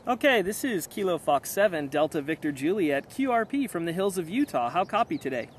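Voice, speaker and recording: An amateur radio operator from the United States gives a casual hands-on demonstration outdoors on a mountainside, explaining things in an unhurried way. His voice is high and very animated. The camera recording is noisy, with outdoor ambient sound in the background.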